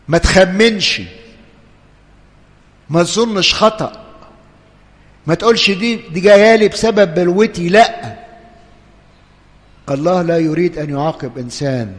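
Impassioned Egyptian priest preaching in a reverberant hall. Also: male voice, fairly high pitch. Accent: Egyptian Arabic. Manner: impassioned, swings between hushed urging and loud pleading. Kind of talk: sermon.

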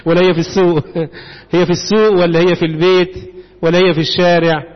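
Man, Egyptian accent, sermon, prompting the congregation with questions, dull lo-fi sound. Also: high voice. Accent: Egyptian Arabic. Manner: call-and-response questioning of the congregation. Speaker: preacher. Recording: dull reverberant hall sound.

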